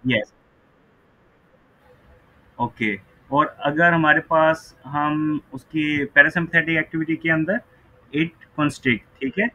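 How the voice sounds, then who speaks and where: A man's voice: a little high, slow, long pauses, bright, forceful tone, lo-fi sound. A man giving an online physiology lecture who mixes Hindi-Urdu and English, asks students questions and keeps checking "ok, right?".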